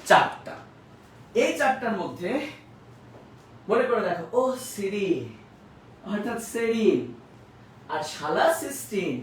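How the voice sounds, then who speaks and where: Distant, echoey man teaching live. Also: high voice. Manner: chanting lists of terms in rhythm to drill memory. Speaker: biology teacher. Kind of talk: live online class. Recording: echoey room, distant mic, faint noise.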